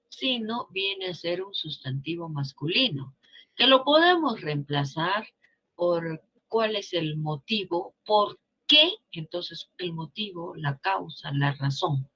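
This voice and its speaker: Slow, bright-voiced woman teacher. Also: lowish voice, lively intonation, breathy edge. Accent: Peruvian Spanish. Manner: coaxing, checks understanding with rhetorical questions. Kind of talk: grammar lesson.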